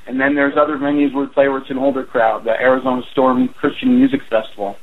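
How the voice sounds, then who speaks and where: A man's voice: mid-range voice, fairly even intonation, fast talker. Guy in his 40s rambling earnestly bout his band, tinny phone sound. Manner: rambling, earnest, with many fillers. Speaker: drummer. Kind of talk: radio interview guest.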